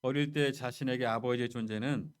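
A man's voice: mid-range voice, fairly even intonation, a little fast, clean tone. Man preaching a storytelling sermon. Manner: storytelling preacher, addresses the congregation directly. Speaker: pastor. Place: church sanctuary.

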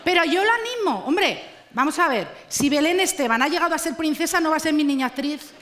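A woman, performing a stand-up comedy monologue on a TV stage, animated and ironic. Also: high-pitched, a little fast, a little hiss or hum. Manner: animated, ironic, acts out characters. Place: TV studio stage with live audience.

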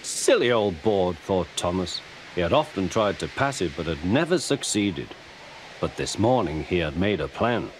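A man's voice: deep voice, big pitch swings, normal speed, slight background noise. A man narrating a children's railway story in a storybook style.

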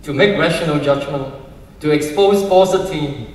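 A man's voice: fairly high pitch, normal speed, darkish tone. A man heading a university department, reading a formal commencement speech from notes at a stage mic. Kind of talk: prepared speech read from notes. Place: large hall, on stage at a standing mic. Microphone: stand mic. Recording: roomy hall sound, heard from a distance.

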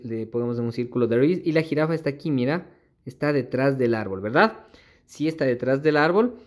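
Patient male teacher explaining step by step. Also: fairly high pitch. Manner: patient, repeats each sentence and checks understanding; reads English slowly word by word, then translates. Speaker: English teacher. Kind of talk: explaining a primary school worksheet.

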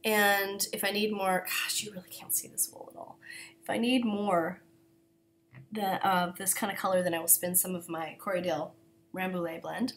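A woman hosting a knitting podcast in casual, chatty talk with many fillers, often coughing and clearing her throat, apologetic and self-deprecating. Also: mid-range voice, little pitch movement, moderate pace, a bit bright, a little hiss or hum. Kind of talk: casual chat. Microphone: camera.

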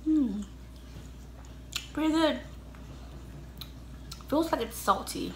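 A woman's voice: sits high, animated, very slow, darkish tone, slight background noise. A young woman, a mother from California, chatting casually with her mouth full while eating on camera, rambling with lots of fillers. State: talking while chewing. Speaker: vlogger, mother. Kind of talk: casual mukbang chat. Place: home, indoors.

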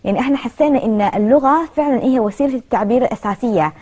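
A woman's voice: fairly high pitch, rapid-fire, darkish tone. A young woman with a Kuwaiti Gulf Arabic accent, talking conversationally as a guest in a television interview. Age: young adult. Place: television studio.

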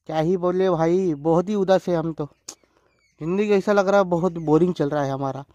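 A man's voice: high voice, fairly even intonation, moderate pace, mellow, no echo, lo-fi sound, close to an everyday voice. A man voicing a bored, glum pet dog. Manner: mock-mournful lament.

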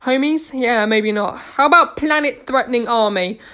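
A woman's voice: fairly high pitch, normal speed, sharp tone. A woman voicing a cocky alien time traveller who speaks in a theatrical, overacted way. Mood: defiant.

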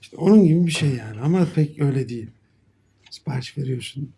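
A man's voice: mid-range voice, animated, quick pace, creaky, warm tone, slight background noise. A man in his thirties, bantering casually and reading out jokes. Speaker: contestant on a joke-telling challenge show. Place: indoor studio set. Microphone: studio microphone on a boom arm.

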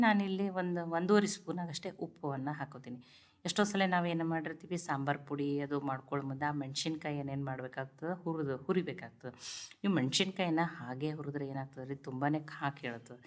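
A woman hosts a cooking channel from a home kitchen, showing kitchen tips and urging viewers to look and try them. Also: sits low. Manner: instructive, keeps telling viewers to look and try.

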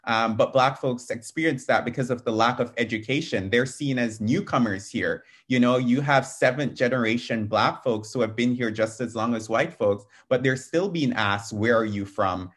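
A young Canadian man speaks as a panel speaker in a webinar, on a video call from a small room at home using a headset mic. He is earnest and fluent despite many ums, with a mid-range, fairly bright, slightly breathy voice, a moderate pace, and hardly any pauses.

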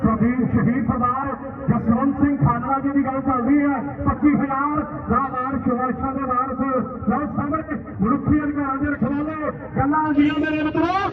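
A man's voice: very high-pitched, flat delivery, normal speed. A man with a Punjabi accent announcing and commentating at a rural kabaddi match in a declamatory way. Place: outdoor village sports ground. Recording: tinny echoing PA, distant, noisy.

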